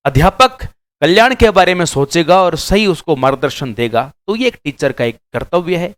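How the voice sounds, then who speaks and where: A male teacher lecturing exam students with insistent emphasis, often repeating words to drive a point home. His voice sits a little high and swings widely in pitch. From Rajasthan. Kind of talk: direct-to-camera lecture.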